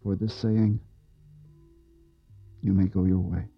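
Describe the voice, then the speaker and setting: Grave male teacher, read by a man, low, unhurried, husky. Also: level tone, highs cut off, soft background music, full character voice. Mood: solemn.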